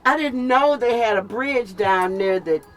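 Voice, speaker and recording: An older woman chatting casually and telling stories in an animated, emphatic way, repeating phrases for comic effect. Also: fairly high pitch, measured pace. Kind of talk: casual storytelling chat. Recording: noisy with clear vehicle and street sound.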